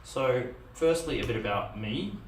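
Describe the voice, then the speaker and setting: In a dim meetup room with a projector screen, a middle-aged Australian man delivers a conference talk casually, often using fillers and restarting sentences. His voice sits at medium pitch, expressive and measured in pace. The far camera mic captures an echoey room and a little hiss or hum.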